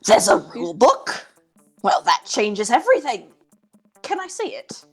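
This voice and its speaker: Woman doing a folksy tiger coach, husky voice, homespun drawl, faint music. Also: fairly high pitch, wildly swooping pitch, unhurried, heavily acted. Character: folksy middle-aged male tiger gym coach, hearty.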